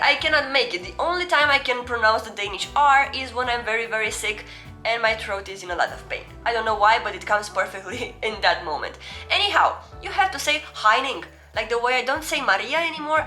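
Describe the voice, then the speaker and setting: A young Romanian video host, speaking with a Romanian accent, gives a chatty, self-deprecating language lesson. Her voice is fairly high, bright and forceful. She breaks up her explanations by slowly reading foreign words aloud as examples.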